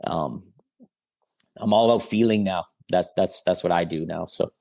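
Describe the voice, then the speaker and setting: Here a guest rapper in his forties chats in a casual interview, his first language German or Italian. The voice is low and a little mellow with vocal fry, at a moderate pace and with no room sound. Laid-back and rambling, he leans on fillers and slang, saying "bro" and "you know what I mean."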